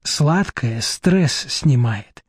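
A man playing a brisk sardonic woman. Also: mid-range voice, lively intonation, slightly rough, dry recording, studio quality, full character voice. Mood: bossy. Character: brisk, sharp-tongued middle-aged woman.

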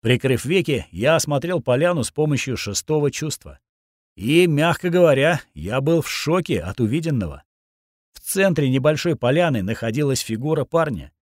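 A man narrating a first-person action audiobook in a steady, grim storytelling voice, recorded on a close studio mic. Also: medium pitch, moderate pace, no echo.

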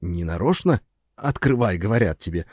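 A man voicing a smooth-talking, pushy film producer who coaxes and commands in an audiobook. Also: fairly low pitch, lively intonation, normal speed, a little mellow, no echo, studio quality, voice pushed down. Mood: coaxing. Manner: coaxing and commanding. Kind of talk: audiobook character voice.

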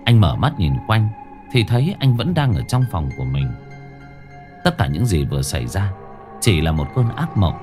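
A man reading a scripted ghost story as narrator, with expressive storytelling. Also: low-pitched, normal speed. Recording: faint music behind.

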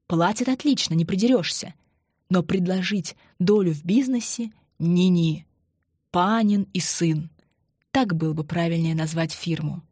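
A woman narrating an audiobook in a measured, matter-of-fact way. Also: fairly low pitch, a little mellow, slightly rough, no room sound, clean studio sound. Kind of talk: scripted narration.

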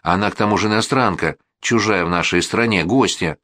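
Male reader as a gloomy, principled boy, low voice, dry sound. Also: fairly quick, bright, forceful tone, dry recording. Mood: urgent. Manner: gloomy, reasoning. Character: sensible boy, sullen and principled.

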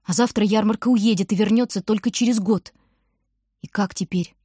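A woman's voice: mid-range voice, fairly even intonation, normal speed, dark tone, slightly rough, no echo, studio quality. Woman narrating an audiobook. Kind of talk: scripted narration.

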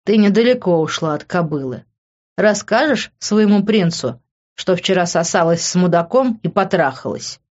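A woman reading an audiobook, voicing a rude, irritable young man with a slow, sneering delivery. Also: fairly low pitch, lively intonation, a little mellow, highs cut off. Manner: curt, sneering, drawn out.

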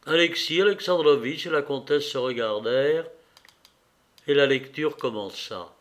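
A man reading a novel aloud as an audiobook, measured and even. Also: medium pitch. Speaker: audiobook reader.

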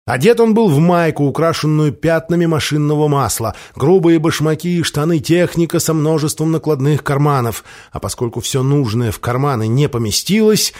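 A man narrating a fantasy audiobook in a measured, descriptive storytelling manner. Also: fairly high pitch, a little mellow. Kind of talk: scripted fiction narration.

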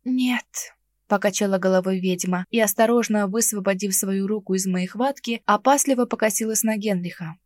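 A woman reading a fantasy novel aloud in first person, lively and expressive. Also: medium pitch, brisk, hardly any pauses, dry recording. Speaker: audiobook reader. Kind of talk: audiobook narration.

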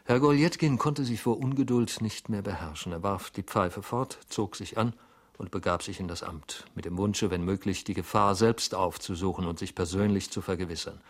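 Man, low voice, measured audiobook narration. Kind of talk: audiobook reading.

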